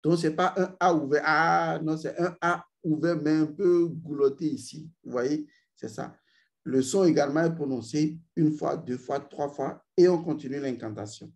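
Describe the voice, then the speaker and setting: A man teaching a spiritual ritual, speaking slowly and intoning drawn-out vowel sounds for his students. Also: on the high side, gravelly. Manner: addresses learners directly, repeats "vous voyez". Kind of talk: esoteric ritual instruction.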